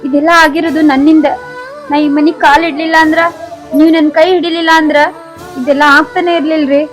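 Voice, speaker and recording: Woman doing a meek young wife begging, soft and teary, high voice, music playing behind. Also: little pitch movement, brisk, natural voice. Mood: tearful. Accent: North Karnataka Kannada. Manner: soft, pleading, tearful. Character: meek young wife, pleading and self-blaming. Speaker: daughter-in-law in a comedy skit. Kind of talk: village comedy drama acting.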